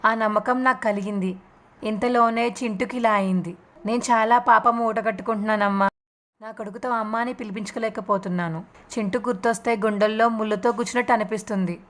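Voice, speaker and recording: A woman's voice: on the high side, fairly even intonation, brisk, fairly bright tone, lightly acted. A woman voicing a guilt-ridden young mother who pleads in a sorrowful tone. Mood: grieving.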